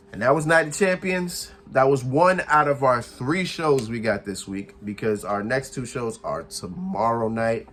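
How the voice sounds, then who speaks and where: A young man recapping a wrestling show in casual chat, excitable and often laughing as he acts out what the wrestlers said. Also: mid-range voice, a little hiss or hum.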